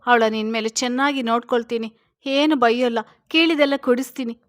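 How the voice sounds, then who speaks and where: A desperate young husband begs his wife to come back to him in soft, low-voiced pleas, read out by a woman narrator. He sounds quiet and close, his words heavy with grief. Storybook reading, medium pitch. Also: level tone, normal speed, close to an everyday voice. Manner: soft pleading speech, begging.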